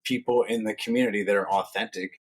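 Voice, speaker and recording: A man guesting on a podcast, rattling off loose, slangy stories at a quick clip. His voice has a husky edge. He sounds like a personal trainer chatting casually. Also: on the low side, fairly even intonation. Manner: fast, loose, slangy storytelling.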